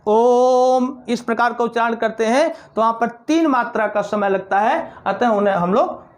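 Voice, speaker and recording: A woman teaching a Sanskrit lesson for exam preparation, reading definitions and then explaining them again in Hindi, sounding out each vowel with care. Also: fairly high pitch. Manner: slow, deliberate dictation of vowel sounds. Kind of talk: slow online exam-prep lesson.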